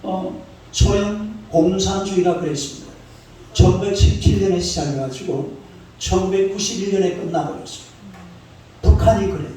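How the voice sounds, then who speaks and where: A man's voice: sits high, a little mellow, a little hiss or hum. A middle-aged man preaching a sermon in a church, speaking colloquially and quizzing the congregation with questions he answers himself. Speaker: pastor. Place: church sanctuary. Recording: roomy church sound from a distant mic.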